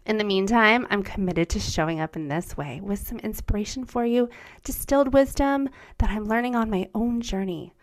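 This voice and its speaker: Speaking at normal speed with a medium-pitched voice, an American woman in her forties whose native language is German reads a scripted monologue on her solo podcast. She comes across as earnest, upbeat, and encouraging.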